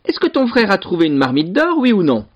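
Man putting on a raging lord, loud, bossy, high and strained, husky voice, dull lo-fi storybook recording. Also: wildly swooping pitch, a little fast, exaggerated voice. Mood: furious. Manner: shouting, furious, domineering. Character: angry bullying rich lord, man.

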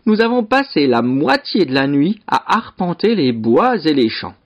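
A man's voice: a little high, sing-song, normal speed, voice pushed up. A man voicing a simple-minded, chattering young peasant brother who is naive and eager. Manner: naive and eager, blurts things out. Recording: dull lo-fi recording.

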